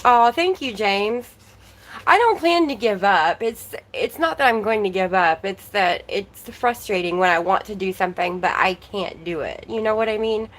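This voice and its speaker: A chatty woman hosting a relaxed livestream, talking along and greeting viewers by name. Her voice is a little worn, as if she is losing it. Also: mid-range voice, normal speed, low-quality recording. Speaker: livestream host. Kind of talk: casual livestream chat.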